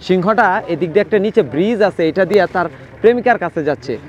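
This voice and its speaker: A man narrating a casual travel vlog outdoors from a safari vehicle, excited and sometimes hushed while he films wildlife. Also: high voice, fast. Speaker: travel vlogger.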